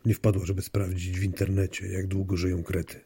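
Very husky, dark-voiced male narrator. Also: low-pitched, completely flat delivery, a little fast, no echo. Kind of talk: audiobook narration.

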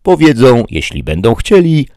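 A man's voice: medium pitch, wildly swooping pitch, moderate pace, warm tone, no room sound, pitched above the performer's own voice. Guy as an impatient guard, brusque, dismissive, dry close sound. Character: gruff mounted guard, man, blunt and impatient.

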